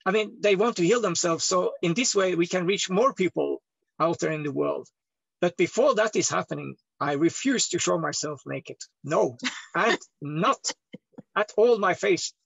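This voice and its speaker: A man from Northern Scandinavia, talking loudly in broken English as an interview guest while lying down away from the microphone. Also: moderate pace, gravelly, slightly rough, no echo, highs cut off. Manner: speaks loud toward a distant mic, broken English, swings between deep and high. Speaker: healer interviewee. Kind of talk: rambling interview monologue. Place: lying down indoors. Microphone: microphone set away from his head.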